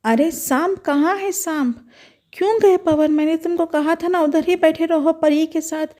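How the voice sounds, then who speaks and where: A woman's voice: very high voice, moderate pace, mellow. A woman voicing a kindly but worried old grandmother who scolds in a fretful way, in a doll storybook video. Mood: scolding.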